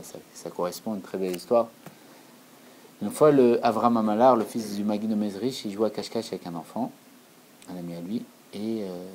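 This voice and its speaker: A man's voice: lowish voice, darkish tone, slight background noise, poor audio. A man giving an earnest, explanatory Torah lesson, repeating key phrases for emphasis. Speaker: Torah teacher.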